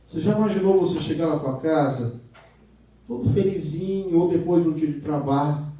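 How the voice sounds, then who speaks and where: A man preaching a sermon as pastor, animated and jokey, acting out the dialogue in a raised voice. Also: on the high side, a little fast. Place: large church hall. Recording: echoey church hall, mic at a distance.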